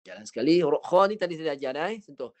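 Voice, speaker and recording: High-voiced Malaysian Quran teacher, patient. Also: male voice, animated. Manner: patient, coaching with slow demonstrations of recited words. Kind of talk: online Quran reading lesson.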